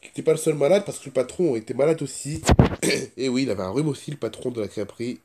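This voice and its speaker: A vlogger with a mid-range, stuffy-nosed voice chats casually in the first person, rambling and repeating himself while fighting a cold and sore throat. He talks fast over heavy background noise.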